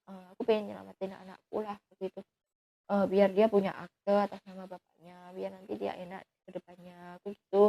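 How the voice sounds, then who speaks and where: A woman's voice: medium pitch, lo-fi sound. A young woman, telling her own story as a guest in an earnest, pleading way that often trails off into fillers. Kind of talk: emotional personal account.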